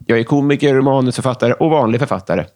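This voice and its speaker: A man in his thirties from Sweden, a comedian and writer, introducing himself in casual chat with a dry, low-key delivery. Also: darkish tone. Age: 30s. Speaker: comedian and writer, podcast co-host.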